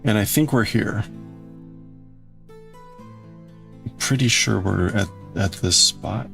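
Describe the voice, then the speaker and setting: Taking it slowly, a lowish-voiced man with a gravelly, slightly bright tone hosts a relaxed livestream. He greets viewers and replies to them in a rambling, exclamatory style, crafting and reading out chat, with soft music in the background.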